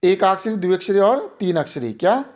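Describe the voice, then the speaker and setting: A young man teaching an exam-prep grammar lesson, asking questions and answering them himself, and slowly repeating example words. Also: high-pitched, sing-song, a little mellow.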